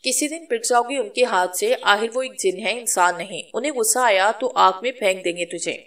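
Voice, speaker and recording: A woman's voice: mid-range voice, a bit bright, recorded from a distance, close to an everyday voice. A woman voicing a worried, disapproving elder sister who warns and presses. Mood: warning. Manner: reproachful.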